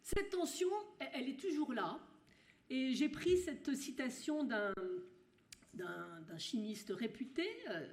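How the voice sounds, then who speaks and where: A woman giving a university lecture. She talks in halting bursts with many restarts and puts rhetorical questions to her audience. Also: high-pitched, animated. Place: lecture hall. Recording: roomy hall sound.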